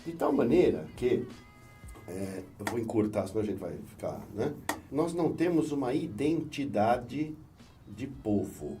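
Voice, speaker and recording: Warm-voiced middle-aged Brazilian doctor, distant mic. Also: male voice, mid-range voice, expressive, faint music behind. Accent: Brazilian Portuguese. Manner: measured, explaining with examples. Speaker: physician guest. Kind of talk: explanatory conversation.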